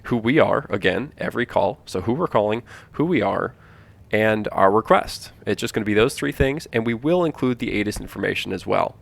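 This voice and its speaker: A man's voice: mid-range voice, creaky. A man giving an informal instructional walkthrough as a flight trainer, explaining each step and repeating key points for emphasis.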